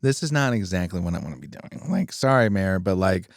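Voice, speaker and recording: Guy in his 30s hosting a podcast, lowish voice, rambly and jokey, dry close sound. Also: animated, a little fast, no room sound. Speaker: podcast host. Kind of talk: casual interview conversation.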